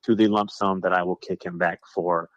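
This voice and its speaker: A man's voice: low-pitched, level tone, normal speed, no room sound, lo-fi sound. A man co-hosting a casual podcast, rambling and often restarting his sentences. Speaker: podcast co-host. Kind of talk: casual chat.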